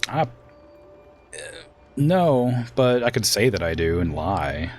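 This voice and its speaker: Low-voiced man with swooping intonation, gaming. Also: sing-song, takes it slowly, darkish tone, faint music behind. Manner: rambling, thinking aloud. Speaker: game streamer. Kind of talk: casual gameplay commentary.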